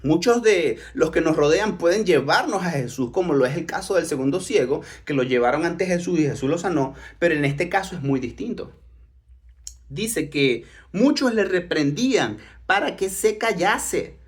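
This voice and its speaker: A man's voice: fairly high pitch, lively intonation, normal speed. A male preacher delivers a Bible-teaching sermon, reading verses aloud and then unpacking them. He talks the congregation through the passage, leaning on rhetorical questions to keep them following along. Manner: explanatory, rhetorical questions, reads scripture then comments.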